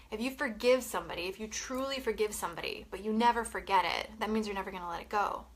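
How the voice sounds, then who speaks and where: With a fairly bright, mid-range voice, a young Canadian woman vlogs about wellness while nursing a head cold that leaves her sniffly. She chats casually to camera, swearing and leaning heavily on "like" and "you know."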